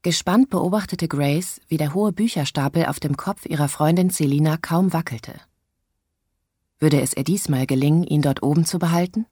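A woman reading a novel aloud as narrator, calm and measured, on a close studio mic. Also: sits low, breathy edge, no room sound. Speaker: audiobook narrator. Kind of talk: scripted narration.

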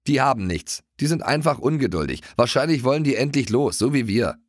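A man's voice: mid-range voice, animated, fairly quick, dry recording, clean studio sound, pitched above the performer's own voice, close to an everyday voice. A man voicing a sensible young boy in a storybook, speaking in a reassuring, matter-of-fact way.

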